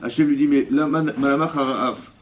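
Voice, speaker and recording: A male rabbi giving a spoken religious lesson to a women's class, lively, often asking the listeners questions and acting out dialogue. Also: medium pitch, brisk. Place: community hall classroom. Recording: distant mic with faint background noise.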